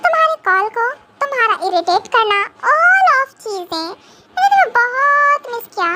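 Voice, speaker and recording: A woman's voice: very high voice, very animated, normal speed, bright, forceful tone, slight background noise, exaggerated voice. A woman voicing a young man soothing his girlfriend on the phone in a fan audio drama, coaxing and reassuring. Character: young female boyfriend type, soothing and teasing.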